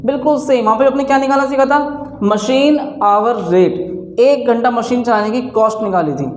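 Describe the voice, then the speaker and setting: Recorded with a roomy echo, this classroom lecture features a man whose voice is extremely high in pitch, speaking at normal speed. He walks students through the material step by step, asking them questions he goes on to answer himself.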